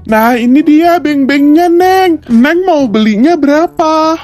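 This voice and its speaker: A woman's voice: high-pitched, animated, a little mellow, faint music behind. A woman voicing a friendly, patient male corner-shop owner in a toy story video, speaking politely and without hurry. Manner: polite, unhurried shopkeeper talk.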